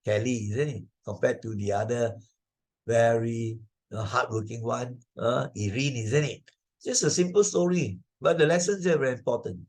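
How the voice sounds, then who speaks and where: An older man with a medium-pitched voice and a Malaysian accent presents a moral lesson conversationally in an online video. He emphasizes key points by repeating them and keeps checking in with frequent tag questions.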